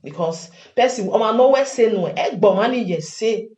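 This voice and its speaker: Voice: medium pitch, expressive, moderate pace, darkish tone. An adult with a Nigerian accent speaks Pidgin in an informal, emphatic advice monologue, repeating phrases for stress. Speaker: online commentator addressing fellow Nigerians. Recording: dull lo-fi sound, echoey room.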